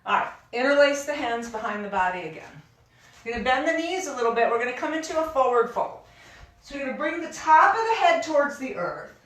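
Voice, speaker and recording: A woman instructing a yoga class in a careful, unhurried way, gently cueing each step with informal encouragement. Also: sits high, animated. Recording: very echoey room, distant microphone.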